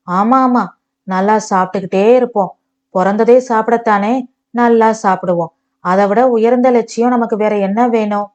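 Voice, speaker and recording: A woman's voice: medium pitch, steady tone, normal speed, darkish tone, highs cut off, close to an everyday voice. A woman doing a sneering angry husband. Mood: sarcastic. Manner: mocking, accusing. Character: bitter sarcastic husband, young adult man.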